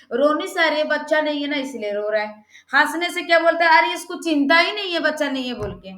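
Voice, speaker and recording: A fairly high-pitched woman leads an online prayer meeting in a loose, chatty preaching manner. She keeps checking that her listeners agree with her. Her voice carries a roomy echo. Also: fairly bright tone. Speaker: prayer leader.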